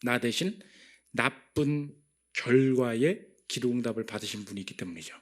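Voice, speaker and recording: Korean man preaching with dramatic swings. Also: normal speed. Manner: lively preaching, acting out inner voices with big pitch jumps. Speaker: pastor. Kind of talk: sermon. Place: church.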